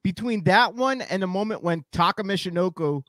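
A man's voice: high voice, lively intonation, fairly quick, fairly bright tone, no echo. A man hosting a casual group chat, often restarting and repeating words.

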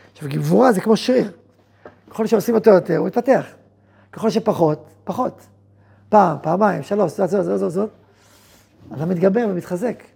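A rabbi's voice thick with gravel and fry, deeply husky and rough at the edges, with a mellow, dark tone. He gives a Torah lesson, acting out both sides of everyday conversations with himself and firing off rhetorical questions. Between those exchanges he settles into quieter explanation. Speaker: rabbi and yeshiva head.

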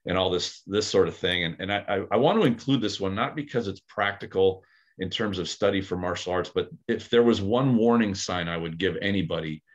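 Speaking fairly quickly in a deep voice, an aikido-practicing podcast co-host muses through ideas in a relaxed chat, pausing with fillers and restarting often in a thoughtful, hesitant way. The audio has its highs cut off.

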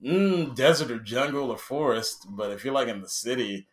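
A laid-back man chatting casually on a podcast, swearing freely and rambling through his points. His voice sits at an ordinary middle pitch and comes across relaxed and conversational. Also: normal speed. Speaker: podcast co-host. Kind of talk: casual chat.

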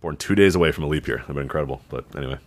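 A man's voice: rumbling low, very fast, no echo. A man co-hosting a podcast in casual banter, with a flippant, easygoing manner. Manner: flippant, easygoing, chuckles between remarks. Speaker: podcast co-host.

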